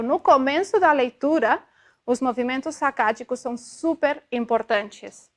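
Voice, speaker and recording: High-voiced woman lecturing a class. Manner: explanatory, checks in with frequent tag questions; demonstrative, sounds out syllables to illustrate. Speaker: optometry lecturer.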